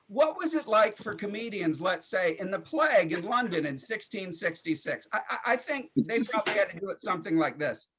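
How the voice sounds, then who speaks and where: Man, stand-up comic, bright voice, club stage, tag questions. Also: sits high, slight background noise. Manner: tags lines with "okay?" and "right?". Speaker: stand-up comedian. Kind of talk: stand-up comedy set.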